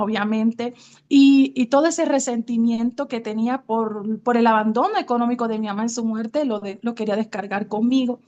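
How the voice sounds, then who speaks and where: A woman's voice: a little high, darkish tone, lo-fi sound. A woman from Colombia with a Colombian accent gives an earnest testimonial sermon and speaks straight to her listeners as sisters. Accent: Colombian Spanish. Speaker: women's ministry speaker.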